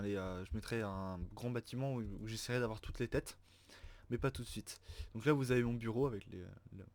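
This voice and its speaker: A man's voice: mid-range voice, darkish tone, no room sound. A man giving casual, rambling gameplay commentary while touring his base, full of fillers and restarts. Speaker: Minecraft server player showing his base.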